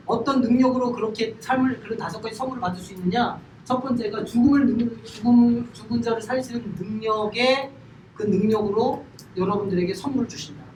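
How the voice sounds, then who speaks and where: A middle-aged man leading a Bible study lecture, quizzing his class and acting out everyday sayings. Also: sits high. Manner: animated, questions the class and acts out everyday sayings. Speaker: Bible teacher. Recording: echoey room, distant mic, clear background noise.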